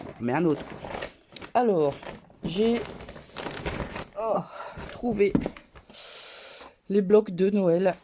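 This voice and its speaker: A woman with a head cold, talking through her nose and a bit loudly as she chats casually through a craft haul. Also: low-pitched, gravelly. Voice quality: nasal. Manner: talks a bit loud, chatty with fillers. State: congested from a cold, nasal. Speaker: scrapbooking vlogger. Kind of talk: casual haul show-and-tell.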